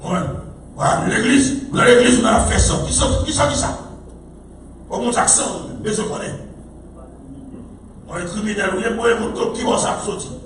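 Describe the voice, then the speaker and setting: A man's voice: high-pitched, normal speed, gravelly, pauses often. A man with a Haitian French accent preaching a sermon, emphatic and repetitive, calling out to the congregation. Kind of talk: sermon teaching. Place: church hall. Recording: echoey hall, mic far off, faint noise.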